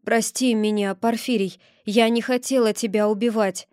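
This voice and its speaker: A woman's voice: a little high, fairly even intonation, normal speed, a little mellow, dry recording, studio quality, lightly acted. A woman reading an audiobook, voicing a guilty, scheming witch who pleads defensively. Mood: pleading.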